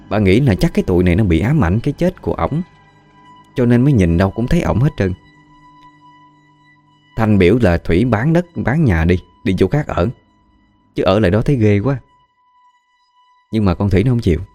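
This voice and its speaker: A man's voice: on the low side, mellow. A man with a Southern Vietnamese accent telling a ghost story in a chatty, gossipy way.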